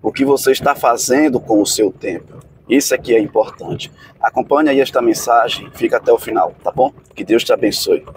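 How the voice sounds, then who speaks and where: A man's voice: mid-range voice, a little fast, a little mellow, slight background noise, rough recording. A man introducing a sermon video, speaking straight to the viewer. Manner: direct, addressing the viewer. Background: faint music.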